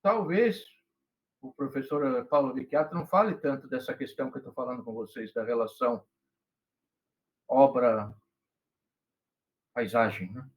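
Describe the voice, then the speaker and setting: A man's voice: medium pitch, measured pace, pauses often, poor audio. An older man lecturing students as a professor, chatty, often checking in with "right?" and slipping in Italian phrases. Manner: conversational, asks "né?" and "entendeu?" often.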